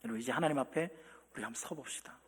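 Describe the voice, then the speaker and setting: A man's voice: medium pitch, very fast, a little hiss or hum. Impassioned male pastor in a reverberant church. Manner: swings from hushed whispers to loud impassioned climaxes; addresses the congregation directly with rhetorical questions. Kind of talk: sermon. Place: church sanctuary. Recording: long hall reverb.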